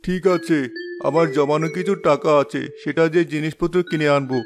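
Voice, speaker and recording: A man voicing a cautious but supportive village husband who speaks in a measured, practical way, over background music. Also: fairly high pitch, steady tone, close to an everyday voice.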